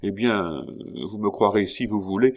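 A man voicing a gruff, exasperated old-style commandant. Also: lowish voice, moderate pace, close to an everyday voice. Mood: irritated. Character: irritable middle-aged army commandant, gambler.

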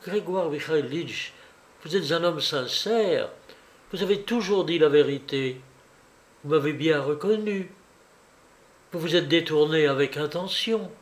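A man's voice: a little high, unhurried, long pauses, close to an everyday voice. A male reader voicing an agitated young society woman who pleads and reproaches urgently, in a spoken novel reading. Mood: reproachful.

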